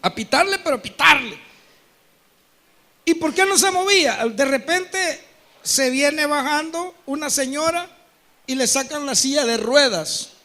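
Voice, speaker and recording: A man preaching a sermon with a Salvadoran Spanish accent, telling stories animatedly, acting out dialogue and breaking into shouts, often checking in with his congregation. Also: very high-pitched, measured pace. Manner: animated storytelling with frequent asides to the congregation; acts out quoted dialogue and bursts into shouting. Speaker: pastor.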